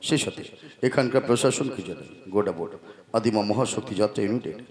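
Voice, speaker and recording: A man's voice: fairly low pitch, animated, quick pace. Guy announcing a village theatre show, formal but super swoopy, crowd behind him. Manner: formal, declamatory, stretching out key phrases. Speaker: announcer of a folk theatre troupe. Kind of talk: theatrical stage announcement before a folk play.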